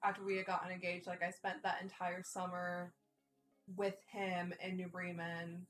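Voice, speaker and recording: A woman in casual group chat, telling a personal story in a halting, stop-and-start way. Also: lowish voice, completely flat delivery, a bit bright, faint music behind.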